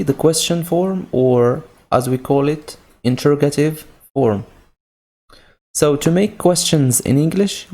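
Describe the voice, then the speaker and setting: A man's voice: medium pitch, darkish tone. A man with a Moroccan accent teaching English grammar, patiently repeating each point with example sentences. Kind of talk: slow grammar lesson.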